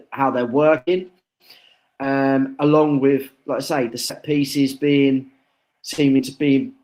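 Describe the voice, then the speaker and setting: A man's voice: mid-range voice, darkish tone, rough recording. A man co-hosting a casual football podcast, talking hesitantly and often restarting his phrases. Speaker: co-host.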